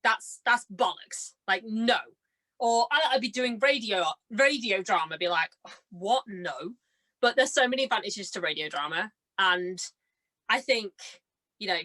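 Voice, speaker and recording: The audio is poor, but the young woman's medium-pitched voice comes through pushed and bright. As an interview guest who acts and cosplays as an amateur, she tells chatty stories and acts out her reactions in casual conversation.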